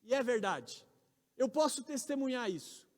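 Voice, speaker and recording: A Brazilian man in his forties, a pastor, preaching a sermon with emphatic, loud peaks on key words. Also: very high voice, expressive, moderate pace. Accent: Brazilian Portuguese. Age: 40s. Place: large church hall. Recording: reverberant church hall.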